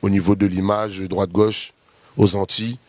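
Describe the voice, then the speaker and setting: A deep, slightly mellow voice with little pitch movement belongs to a man in his thirties from Réunion. Speaking at a moderate pace with no room sound, this guest artist with a Réunionese French accent chats casually in an interview, rambling through long, filler-laden lists.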